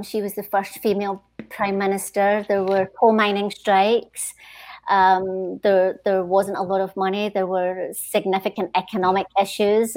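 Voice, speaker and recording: A middle-aged Scottish woman with a medium-pitched voice appears as a podcast guest, an HR leadership consultant reflecting on her past in a conversational interview. She is thoughtful and measured, pausing often with "um" and restarting sentences, yet lands each point with quiet assurance.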